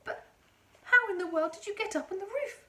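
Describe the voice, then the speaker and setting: A woman's voice: very high voice, a little fast, background noise, pitched above the performer's own voice. A woman voicing a flustered, stammering mother in a storybook. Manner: stammering, astonished. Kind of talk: storybook read-aloud.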